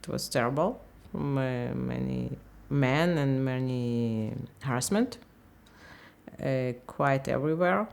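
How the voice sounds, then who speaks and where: A woman in her fifties from Ukraine, speaking English, talks haltingly in a candid interview and often searches for words. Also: a bass voice, creaky, a little mellow, clean tone. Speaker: interviewee, language teacher.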